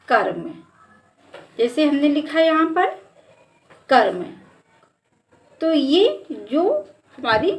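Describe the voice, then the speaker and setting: A woman teaching how to read words, patient and repeating each word slowly. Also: fairly high pitch, fairly bright tone, slight background noise. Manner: patient, drills each word twice, stressing sounds. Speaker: Hindi reading teacher. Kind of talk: slow classroom lesson.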